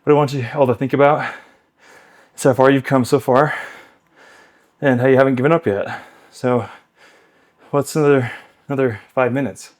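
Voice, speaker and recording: A man's voice: medium pitch, steady tone, normal speed, darkish tone. A man in his thirties talking casually while riding an exercise bike at home, out of breath and chatting loosely between workout cues. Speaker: workout host. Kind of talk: casual coaching while cycling.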